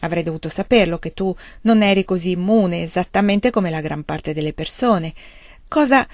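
A woman reading the lines of a kindly, teasing older gentleman in a fatherly, gently chiding manner. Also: lowish voice, moderate pace, no echo, clean studio sound, close to an everyday voice.

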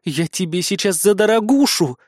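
A man voicing a sharp-tongued, jealous young noblewoman who is the elder sister, speaking scornfully. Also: high-pitched, lively intonation, normal speed, no echo, clean studio sound, pitched above the performer's own voice. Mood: snappy. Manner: scornful, snappy.

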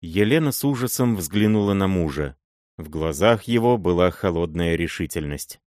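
Низкоголосый мужчина-чтец аудиокниги ведёт повествование неторопливо и драматично. Звук сухой и близкий. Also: male voice, sits low, lively intonation, a little mellow, no room sound, clean studio sound. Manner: measured, dramatic reading. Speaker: audiobook reader. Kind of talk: literary audiobook narration.

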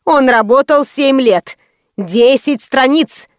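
A woman's voice: sits high, slow, smooth, dry recording, clean studio sound. A woman voicing a haughty, stern middle-aged woman writer who speaks in a cold, curt, disdainful way. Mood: lofty.

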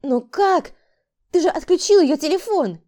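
A shrill, high-strung woman who schemes and then panics, pleading and defending herself, as an audiobook narrator plays her. Her voice jumps high and stays tense throughout. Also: expressive, normal speed, dark tone. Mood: panicked. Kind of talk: audiobook character voice.

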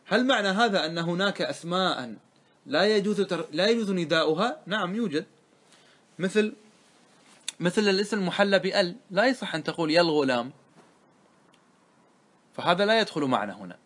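A man teaching a grammar lesson. He explains a classical poem line by line, asks his listeners questions and answers them himself, and slows down to quote the verses. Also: sits high, lively intonation, fairly bright tone.

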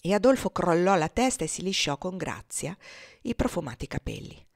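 Low-voiced woman reading a novel. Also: creaky, no echo, studio quality. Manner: measured, steady storytelling. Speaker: audiobook reader. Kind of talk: literary audiobook narration.

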